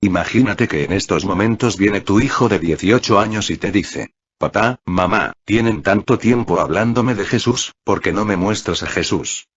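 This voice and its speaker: A man's voice: on the low side, moderate pace, breathy edge. A man preaching an earnest Sunday reflection, exhorting his listeners. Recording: dull lo-fi audio.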